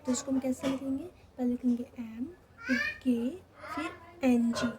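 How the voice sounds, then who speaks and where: A crowd can be heard behind this high-pitched woman as she teaches shorthand with a Hindi accent. Her lesson is slow and step-by-step, repeating each point and checking in with "theek hai."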